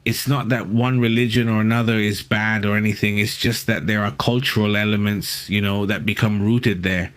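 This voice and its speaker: A man's voice: on the low side, fairly even intonation, moderate pace, hardly any pauses, fairly bright tone, clean tone, dry recording. A man co-hosting a live stream, chatting casually and rambling with many fillers while reading viewer comments aloud. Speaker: co-host of a live news stream.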